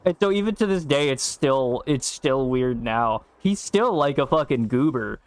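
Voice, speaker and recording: A young man streams a game and chats casually, bantering bluntly and with plenty of profanity with his co-host. His mid-range voice is animated at a normal speed, with no echo.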